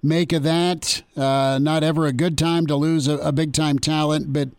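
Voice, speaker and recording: A man's voice: fairly high pitch, little pitch movement, clear, resonant tone, dry recording. A man hosting a sports talk radio show, upbeat and conversational as he welcomes a guest. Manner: upbeat, conversational, quick asides. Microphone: studio mic, dry.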